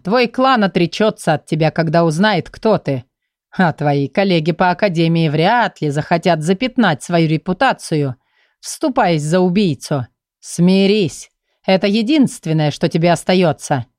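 A composed werewolf hero answers threats in a steady, lowered voice without any heat, as a woman puts him on. He is cool and sure of himself. The voice stays low and level, close and dry. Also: a little slow, no echo. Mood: cold. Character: calm, strong werewolf husband, young man.

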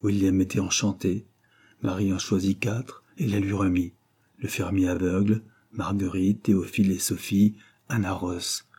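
Low, husky male audiobook narrator. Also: mellow. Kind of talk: scripted narration of a classic novel.

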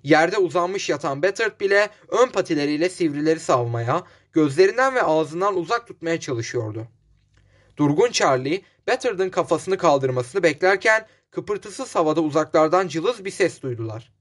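A man reading a novel aloud in measured scripted narration. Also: fairly high pitch, lively intonation. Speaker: audiobook narrator.

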